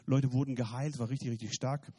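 A man preaching a sermon and giving his testimony, repeating phrases and swinging from loud emphatic bursts to quiet remarks in a church. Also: mid-range voice, fairly even intonation, fairly quick, husky. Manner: repeats phrases, restarts words.

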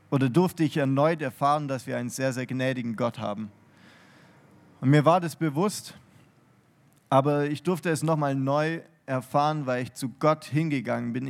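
A man's voice: medium pitch, gravelly. A man giving a personal testimony sermon with prayer from a church stage, earnest and heartfelt, often restarting his sentences.

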